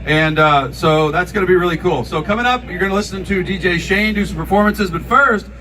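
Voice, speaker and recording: A man's voice: high-pitched, a little fast, sharp tone, recorded from a distance. A man hosting a charity event from a stage, making announcements partly from a script and partly off the cuff. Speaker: event host at a charity fundraiser. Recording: outdoor PA from afar, noisy crowd, traffic.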